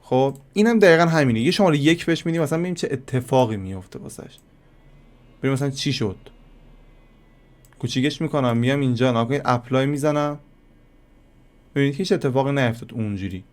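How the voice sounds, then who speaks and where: A software tutorial instructor gives a casual screen-recorded lesson at a medium pitch, with long pauses. He talks to viewers as if they were friends, thinking aloud while clicking through settings.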